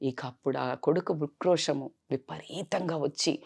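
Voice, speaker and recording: Woman vlogger, low-pitched, dramatic storyteller. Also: normal speed, creaky, a little mellow, slightly rough. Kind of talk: storytelling to camera.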